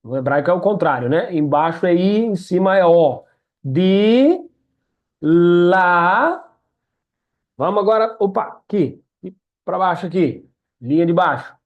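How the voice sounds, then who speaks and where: A woman's voice: on the low side, a little slow. Encouraging woman tutoring over a dull line. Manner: patient, encouraging, lively. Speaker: Hebrew tutor. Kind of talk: one-on-one language lesson. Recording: dull lo-fi sound.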